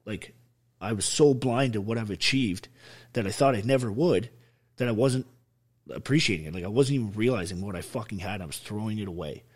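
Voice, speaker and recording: A middle-aged man with a somewhat low voice, talking as a guest in an interview. He tells his story in a blunt, raw way, swearing constantly and speaking with open emotion. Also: brisk, breathy edge. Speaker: podcast guest, army veteran.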